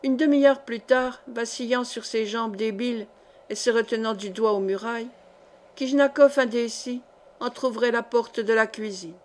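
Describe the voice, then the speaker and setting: A woman reading a literary short story aloud in a measured, steady narration. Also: on the high side. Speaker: audiobook reader.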